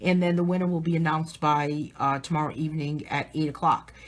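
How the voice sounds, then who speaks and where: Chatting casually during a live coloring demo she hosts, a Southern New England woman who is an artist and livestreamer speaks in a low, steady, brisk voice. She comes across as chatty and upbeat, and she restarts often.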